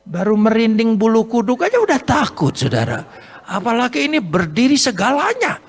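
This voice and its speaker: A man preaching a sermon at a church service, asking his congregation questions in a lively way. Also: very high-pitched, normal speed. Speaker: pastor. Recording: long church hall reverb.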